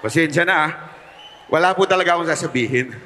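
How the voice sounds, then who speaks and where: A man, speaking at a rally. He jokes between lines and pushes the crowd to chant louder. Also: on the high side, fast talker, in a large hall, a little hiss or hum. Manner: hypes the crowd into chanting, jokey asides. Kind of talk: rally crowd-work speech.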